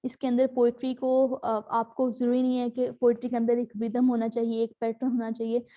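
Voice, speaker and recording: A woman with a fairly high, mellow voice teaches a class over a video call. She explains patiently and slips terms into her lesson. Her delivery is relaxed and full of small fillers. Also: brisk. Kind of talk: online class lecture.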